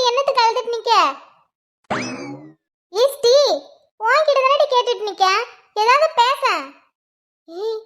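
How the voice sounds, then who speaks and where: A woman's voice: very high-pitched, fairly bright tone. A woman voicing a cheeky, nosy younger schoolgirl sister in a cartoon, prying and teasing. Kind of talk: cartoon voice acting.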